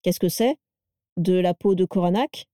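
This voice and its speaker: A woman's voice: lowish voice, measured pace, dark tone, no room sound, lightly acted. A woman voicing a burly, blustering wizard who grumbles, sneers and panics easily, in a dry storybook reading. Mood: grumbling.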